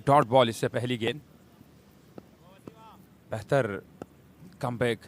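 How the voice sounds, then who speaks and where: A man's voice: mid-range voice, fairly even intonation, slow pace. A Pakistani man adding analytical remarks as co-commentator in live cricket commentary. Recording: noisy outdoor live commentary.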